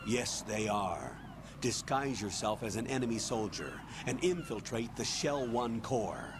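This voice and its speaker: Stern military commander, lively intonation. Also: male voice, fairly low pitch, unhurried, background noise. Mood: stern, commanding. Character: stern, authoritative male military commander giving orders. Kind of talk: video game voice acting.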